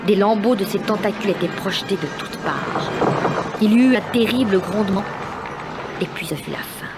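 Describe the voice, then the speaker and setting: A woman's voice: on the low side, noisy background. A woman narrating a children's story in a scripted, dramatic style. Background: music.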